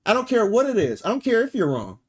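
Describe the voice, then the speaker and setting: Casting note: male streamer, slightly higher voice, blunt and profane, hammers points with "right?". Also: huge pitch swings, fast, a little mellow, husky. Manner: blunt, emphatic, profane, rhetorical "right?" tags. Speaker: streamer reacting and reading chat. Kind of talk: casual livestream rant.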